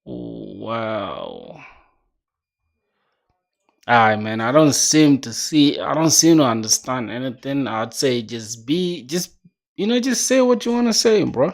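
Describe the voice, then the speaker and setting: A man's voice: medium pitch, very animated, takes it slowly, gravelly. A man in his twenties chatting casually on a coding livestream, laid-back and slangy, reading viewer comments aloud. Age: 20s. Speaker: streamer.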